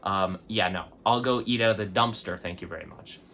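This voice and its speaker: A man's voice: low-pitched, brisk, vocal fry, slight background noise. A man giving an opinionated food rant as a vlogger. He talks emphatically and keeps tagging his points with "right?" and "okay?". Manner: emphatic, animated, tags lines with "right?" and "okay?".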